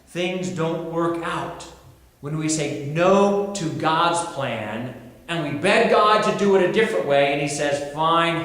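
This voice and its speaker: A male pastor preaching a sermon, retelling scripture with earnest, animated storytelling and rhetorical questions. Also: on the high side. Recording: echoey hall.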